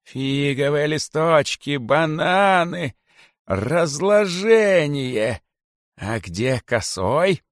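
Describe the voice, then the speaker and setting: A man voicing an old male python king who declaims slowly in bitter, theatrical outrage. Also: a little high, sing-song, no room sound, clean studio sound, pitched above the performer's own voice, full character voice. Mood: bitter wailing. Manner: slow, drawn-out, wailing declamation.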